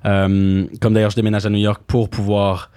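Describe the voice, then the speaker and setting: A young man with a Québécois French accent, chatting casually as a podcast host, relaxed with many fillers. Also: on the low side, normal speed, smooth, no echo, clean studio sound. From Quebec. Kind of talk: casual conversation.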